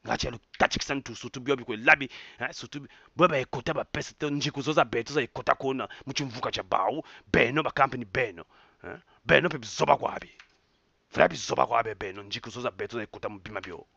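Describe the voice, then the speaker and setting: A man's voice: mid-range voice, quick pace, vocal fry, bright, forceful tone, husky, dry recording. A man delivers an impassioned rant, repeating words over and over with mocking exclamations. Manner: repetitive, mocking, exclamatory, mixes in local phrases. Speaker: online commentator. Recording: dull lo-fi dry sound.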